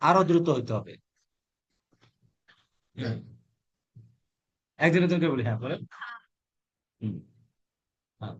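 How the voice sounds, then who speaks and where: A man's voice: on the high side, lively intonation, slow, pauses often, breathy edge, dull audio. A man teaching a Quran reading class, asking questions, repeating the answers and drilling pronunciation with the students. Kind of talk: teaching a class, call and response.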